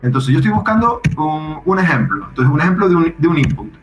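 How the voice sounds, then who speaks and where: A man casually explaining how his software works, thinking aloud with frequent restarts. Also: a little high, very animated, a little fast, reverberant, soft background music. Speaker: software developer guest.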